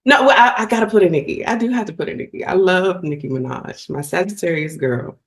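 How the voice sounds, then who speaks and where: A woman's voice: on the low side, fast talker. Effusive woman singer in casual chat. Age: middle-aged. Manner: animated, effusive, restarts often. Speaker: guest singer.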